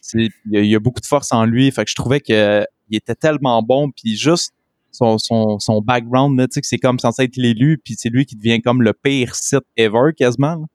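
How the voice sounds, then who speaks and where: A man's voice: mid-range voice, brisk, a little mellow, dry recording, clean studio sound. A man in his twenties with a Québécois French accent, co-hosting a casual chat in informal, slangy speech mixed with English words. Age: 20s. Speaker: podcast co-host. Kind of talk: casual chat about a TV series.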